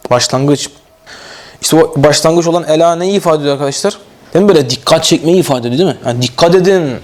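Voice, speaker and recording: Turkish man teaching a grammar class, pitched a little high, reads the text and keeps quizzing his students. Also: fast, darkish tone. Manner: questioning students constantly; reads Arabic grammar text aloud and explains. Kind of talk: classroom lecture.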